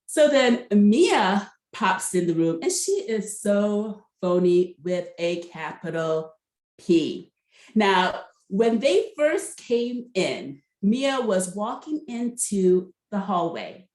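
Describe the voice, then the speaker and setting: A gossipy woman talks through a reality TV episode for her viewers, laughing often and turning to the audience to ask their opinion. Her voice sits at an ordinary mid pitch. The sound is roomy and echoey. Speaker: reality TV recap vlogger. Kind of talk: casual chatty recap. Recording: roomy echo.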